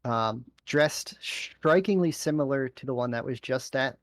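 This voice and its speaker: A man's voice: medium pitch, measured pace, dry recording, studio quality. A man narrating as game master in a tabletop game, with frequent ums. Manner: voices the toll keeper, narrates with ums.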